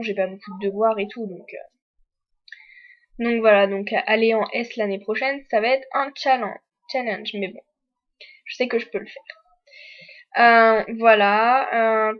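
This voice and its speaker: Chatting casually to camera, a French teenage girl on exchange speaks openly and fills her talk with many fillers. Her voice is medium-pitched, and the recording has its highs cut off.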